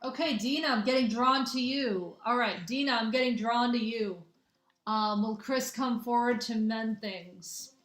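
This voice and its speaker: This livestream host, a young woman from the Midwest giving spiritual readings, speaks a little high and unhurried with a slightly bright tone. Chatting casually with viewers, she wanders and restarts constantly; the sound comes through a phone or webcam in a room with echo.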